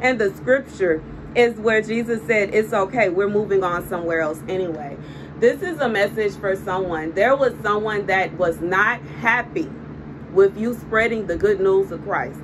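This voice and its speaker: On her channel, a Southern US woman in her thirties delivers a casual prophetic message from a room at home with window blinds behind her, filmed on a phone camera resting on a desk. She is emphatic and repetitive, gesturing animatedly, and talks at a moderate pace in a medium-pitched voice, with clear room noise in the background.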